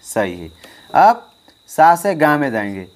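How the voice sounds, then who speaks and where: Speaking slowly in a sing-song, slightly high voice, a man gives an online harmonium lesson. He talks right to his students, emphatically repeating the key ideas, with a harmonium faintly audible.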